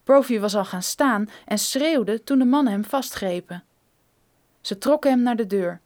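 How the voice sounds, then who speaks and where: A woman reading a thriller audiobook in a steady, measured storytelling manner. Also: fairly high pitch. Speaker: narrator.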